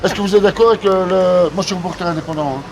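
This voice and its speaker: A man's voice: sits high, rapid-fire. An older man from Belgium, an independent reporter, interviewing a passerby on a city street and talking over him with insistent questions. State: tired. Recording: outdoor street noise.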